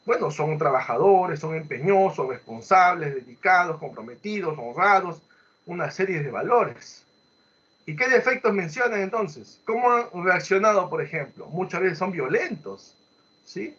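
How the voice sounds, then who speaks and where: A man's voice: high-pitched, lively intonation, normal speed, fairly bright tone, muffled recording. A male literature teacher retelling a folk tale in a lecture, acting out the quoted voices and checking in with short questions. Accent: Peruvian Spanish. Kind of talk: storytelling lecture.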